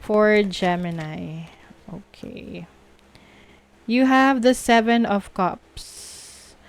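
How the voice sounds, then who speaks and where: A woman from the Philippines giving a tarot reading, slow and reassuring, mixing Tagalog and English and checking in with her listeners. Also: medium pitch, animated, creaky. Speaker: tarot reader.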